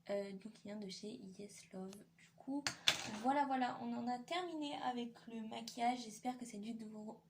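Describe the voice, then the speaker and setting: A woman's voice: fairly high pitch, normal speed, background noise. Tired young woman, hesitant chat. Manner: chatty, hesitant, many fillers. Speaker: beauty vlogger. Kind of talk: casual makeup vlog.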